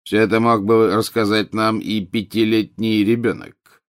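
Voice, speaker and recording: A man voicing a cold, contemptuous male teacher who talks in a slow drawl. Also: fairly low pitch, lively intonation, lightly acted. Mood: sneering.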